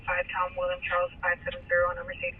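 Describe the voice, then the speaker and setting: A man's voice: high voice, monotone. A man working as a police dispatcher, heard over a scanner radio, giving terse, clipped calls in codes. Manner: clipped, rapid-fire code talk. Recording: muffled, distant scanner radio with hiss.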